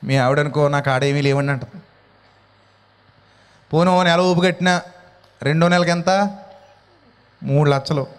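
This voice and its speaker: A male pastor preaching a sermon in an animated way, full of rhetorical questions. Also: a little high, unhurried, long pauses, in a large hall.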